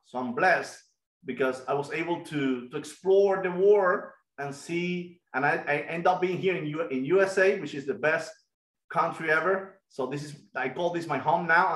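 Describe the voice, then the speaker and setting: A middle-aged man with a Cuban Spanish accent giving an energetic online math lesson and quizzing students over a video call headset. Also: fairly high pitch, echoey room, rough recording. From Cuba. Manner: energetic, asks students questions. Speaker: guest lecturer.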